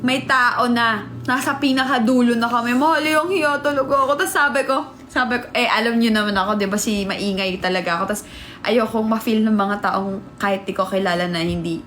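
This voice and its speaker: A young woman vlogger telling a story in casual chat, animated and laughing, acting out what people said. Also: a little high, a little fast. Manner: animated, laughing, acts out quotes.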